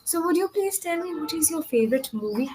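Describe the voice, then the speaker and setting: A woman's voice: high-pitched, lively intonation, quick pace, noisy background. A young woman from India with an Indian accent, teaching a one-on-one English lesson in an instructive way, often checking for understanding. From Kolkata, India. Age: young adult. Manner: instructive, frequent check questions. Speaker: English communication tutor.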